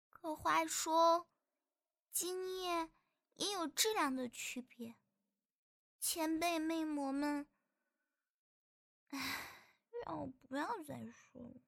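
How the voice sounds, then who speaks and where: A woman's voice: high voice, pushed and bright, dry recording, studio quality, full character voice. A woman voicing a clumsy young female succubus trainee who is a little tsundere and giggly, in an audio drama. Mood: coaxing. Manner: giggly and teasing. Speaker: voice actress.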